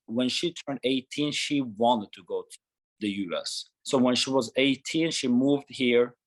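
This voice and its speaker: A man's voice: medium pitch, poor audio. A man in his thirties from Norway, a gym founder answering interview questions earnestly with frequent restarts. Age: 30s.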